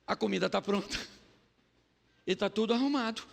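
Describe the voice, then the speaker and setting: A man preaching voices a calm, unbothered husband who answers quietly and deadpan. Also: high voice, normal speed, creaky, in a large hall, heavily acted.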